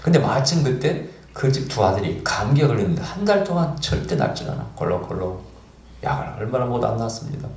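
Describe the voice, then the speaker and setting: A man preaching as pastor, telling a story with lively acted-out dialogue. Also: mid-range voice, fast, creaky, roomy sound. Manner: animated, acts out dialogue in the story. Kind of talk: storytelling sermon.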